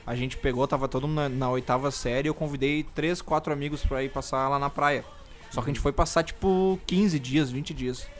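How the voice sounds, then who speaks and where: A man's voice: medium pitch, brisk. A young man, telling stories in a casual podcast chat and laughing often. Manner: laid-back storyteller, often laughing. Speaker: podcast co-host.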